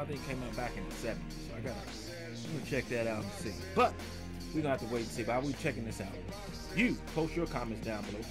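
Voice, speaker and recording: A man in his thirties hosting a casual, slangy reaction video at home, talking about himself in the third person. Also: fairly high pitch. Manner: slangy and excitable. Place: small room at home.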